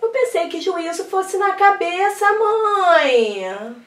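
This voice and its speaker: Woman, very high voice, dramatic, exasperated, pretend play, distant from the mic. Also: very animated, takes it slowly, fairly bright tone. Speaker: channel host. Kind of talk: pretend-play skit as a frazzled young mother. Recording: echoey room, far from the mic.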